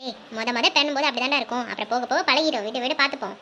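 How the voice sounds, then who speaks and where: Shrill, bright-voiced bossy best friend in a cartoon, blunt and teasing, voiced by an actor. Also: very fast, slight background noise. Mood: advising. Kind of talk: comic cartoon dialogue.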